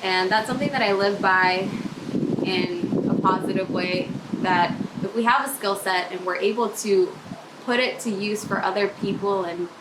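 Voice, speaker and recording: Against a noisy backdrop, a young ER nurse from Maryland makes a casual video application, talking to a camera held in front of her in a plain panelled room. Her medium-pitched voice has fairly even intonation at normal speed, and she's chatty, upbeat, and quick to laugh.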